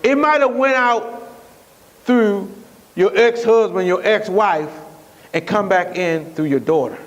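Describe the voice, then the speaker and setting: A man's voice: sits high, measured pace, dull audio. A male pastor preaching a sermon in a conversational, repetitive way, often restarting his sentences.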